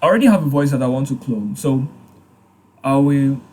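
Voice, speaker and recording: A man hosting a casual software tutorial, hesitant, with many fillers and restarts. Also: medium pitch, animated, fairly quick, a little hiss or hum. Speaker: tutorial host. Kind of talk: casual screen-recorded tutorial.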